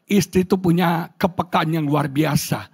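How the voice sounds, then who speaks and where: A man's voice: a little high, fairly even intonation, normal speed, darkish tone, husky. A middle-aged man from Indonesia, a pastor preaching a humorous, exclamatory sermon to his congregation. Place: church hall.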